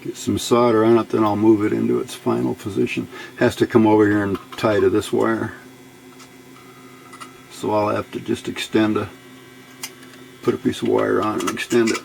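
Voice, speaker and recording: An electronics hobbyist, a man with a lowish, creaky voice, mutters short fragments to himself while demonstrating a build at an indoor workbench. It's a casual hands-on tutorial, delivered at normal speed in a level tone with long pauses. The audio is poor, with a little hiss or hum.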